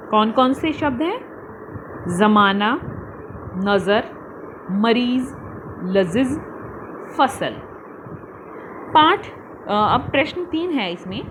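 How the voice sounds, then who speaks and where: Woman teacher for young kids, slow and animated, drawn-out drill words, faint hiss behind. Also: a little high. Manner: addresses children fondly as "beta". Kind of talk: online class lesson.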